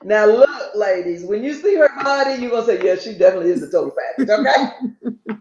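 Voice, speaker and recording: An older woman hosts a podcast in a casual interview, chatty and excitable, stressing her points by saying them again. Her voice sits in a middle range. The sound is dull and lo-fi, with a roomy echo around it. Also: medium pitch, a little fast. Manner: enthusiastic, chatty, emphatic repetition. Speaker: podcast host.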